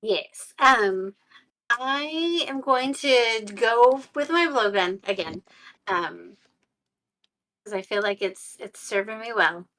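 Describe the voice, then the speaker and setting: A woman's voice: a little high, animated, takes it slowly, fairly bright tone. A woman playing in a tabletop game, hesitant and polite as she rolls. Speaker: player. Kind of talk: casual game play.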